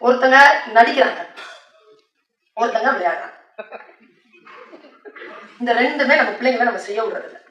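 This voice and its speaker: A woman giving a motivational speech to an audience, telling stories in a lively way and mixing in English words. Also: on the high side, normal speed, long pauses, noisy background. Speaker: motivational speaker. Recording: echoey hall, distant mic.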